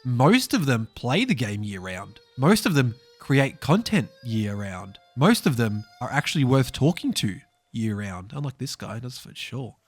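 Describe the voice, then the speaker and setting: A man's voice: mid-range voice, sing-song, measured pace, husky, no echo, faint music behind. An Australian man, a gaming content creator, ranting in exasperated, mocking reaction commentary. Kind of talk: reaction commentary on a social media post.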